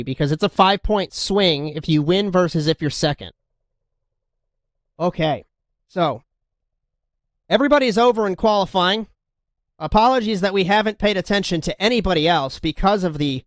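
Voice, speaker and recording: A man calling a race as play-by-play commentator, excitable and shouting at the big moments. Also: sits high, normal speed, dry recording.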